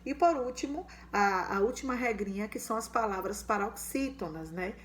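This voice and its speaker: A woman teaching a grammar lesson to young children. She ends almost every phrase with a questioning check and says the example words louder and slower. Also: medium pitch, animated, a little hiss or hum.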